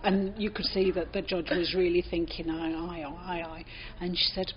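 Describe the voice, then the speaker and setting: On a muffled, dull lo-fi recording with a little hiss or hum, an older woman with a British accent looks back on her life for an oral history interview. She speaks at a normal pace in a lowish voice with little pitch movement, reflectively sharing anecdotes and voicing other people's words.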